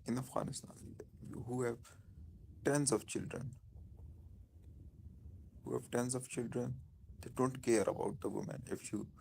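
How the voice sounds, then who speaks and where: A man with a Pakistani accent speaking informally on a live stream, in halting, repetitive phrases. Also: on the low side, vocal fry, darkish tone, a little hiss or hum.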